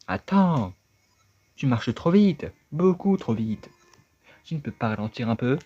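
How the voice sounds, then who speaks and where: A man's voice: medium pitch, expressive, unhurried, warm tone, pitched above the performer's own voice. A man voicing a fussy, grumpy old male talking cap who is bossy and impatient as he reads game dialogue aloud. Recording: dull lo-fi sound with game music.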